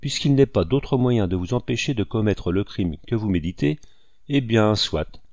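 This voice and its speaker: A man's voice: fairly low pitch, animated, normal speed, dry recording, studio quality. A man voicing a troubled old-world general. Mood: grave. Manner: forceful and agitated. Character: commanding male general, torn and troubled.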